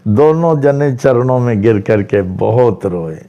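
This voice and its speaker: A man from Maharashtra telling devotional stories in a slow, repetitive way, like a spiritual teacher addressing followers. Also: medium pitch, lively intonation, highs cut off. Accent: Maharashtra, India. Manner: slow storytelling with repeated phrases. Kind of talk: devotional discourse.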